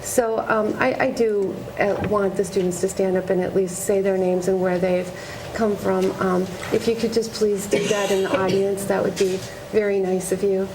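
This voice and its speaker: School administrator, woman, mid-pitched, reading meeting announcements over steady background noise. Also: normal speed, hardly any pauses. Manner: reads announcements, lists names and dates. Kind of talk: board meeting report. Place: school board meeting room. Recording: noisy community TV recording.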